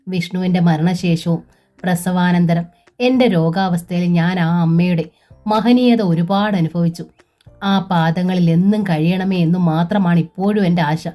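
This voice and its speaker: A woman narrating a novel in a calm, steady audiobook reading. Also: on the low side.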